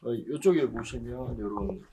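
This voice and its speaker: A man's voice: medium pitch, expressive, a little slow, warm tone, slight background noise. A man in his forties speaking as a used car dealer in an interview, giving assured, explanatory advice like a salesman. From Busan, South Korea. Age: 40s. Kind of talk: informal on-camera interview giving buying advice.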